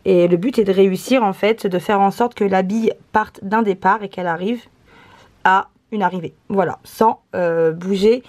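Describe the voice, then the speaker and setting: A woman's voice: mid-range voice, normal speed. A woman hosting a casual family unboxing vlog, talking easily with frequent hesitations and laughs. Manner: relaxed, many hesitation fillers, laughs often. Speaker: vlog host, mother presenting gifts.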